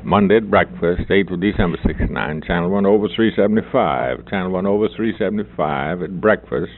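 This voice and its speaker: A man with a low, deep voice comes through a two-way radio, squeezed into a thin, tinny band. He repeats call signs and dates in short, clipped radio phrases. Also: a little fast. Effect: over a two-way radio. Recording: narrow tinny radio transmission.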